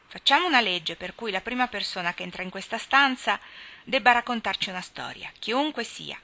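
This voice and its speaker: A woman's voice: mid-range voice, animated, fairly quick, creaky, sharp tone. A woman reading aloud, voicing a sensible older boy who tries to keep the peace in a storybook. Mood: eager.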